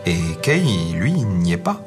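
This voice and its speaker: A man's voice: lowish voice, big pitch swings, measured pace, music in the background. A man doing solemn talking roses. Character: calm chorus of talking roses.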